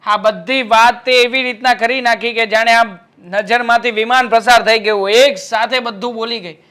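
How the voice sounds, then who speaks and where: A calm, placating husband. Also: male voice, extremely high pitch, moderate pace, smooth. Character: patient husband caught between wife and mother.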